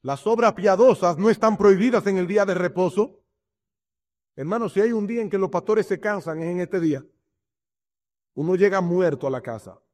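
A male pastor delivering a sermon in a high-pitched voice. He reads verses and stresses his points with changing emphasis, now and then acting out little scenes. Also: moderate pace, a little mellow. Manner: preaching with shifting emphasis and acted examples.

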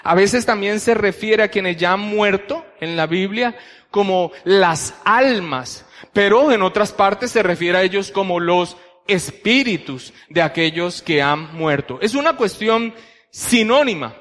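A man's voice: high-pitched, expressive, unhurried, fairly bright tone. A man preaching a teaching sermon, methodically explaining Bible verses and asking many rhetorical questions. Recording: long hall reverb.

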